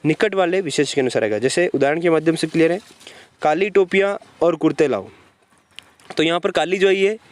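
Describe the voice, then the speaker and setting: A man's voice: on the high side, very fast, hardly any pauses. A man teaching Hindi grammar in a lecture style, explaining step by step and answering his own questions as he goes.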